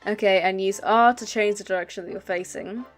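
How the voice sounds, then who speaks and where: A woman's voice: mid-range voice, steady tone, brisk, soft background music. A woman giving casual let's play commentary, explaining game controls with many ums. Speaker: gaming channel host.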